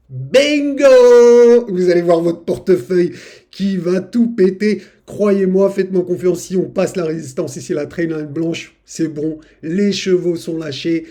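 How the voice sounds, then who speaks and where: A man's voice: high voice, warm tone. A man, a crypto YouTuber giving a casual, hype-driven chart analysis and talking chummily to his viewers.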